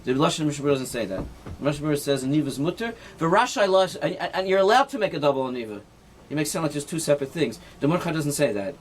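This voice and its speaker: A man's voice: fairly high pitch, very fast. Man, a rabbi, going over knots step by step for a class, keeps saying "right?", slight background hiss. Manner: explains step by step, often checks with "right?"; mixes Hebrew and Yiddish terms into English. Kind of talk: informal halacha lesson with demonstration.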